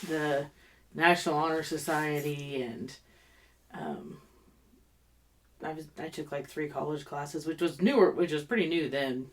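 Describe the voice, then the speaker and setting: A woman's voice: low voice, a little slow, long pauses. A woman in her late thirties co-hosting a casual podcast, telling stories bluntly and swearing freely. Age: 30s. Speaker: podcast co-host. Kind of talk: casual chat.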